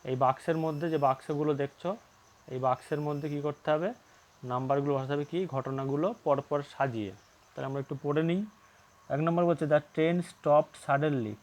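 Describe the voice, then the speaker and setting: A fairly high-voiced man is teaching English grammar. He reads each English sentence out deliberately and then walks the class through it with patient rhetorical questions. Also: steady tone. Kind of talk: English grammar lesson in Bengali.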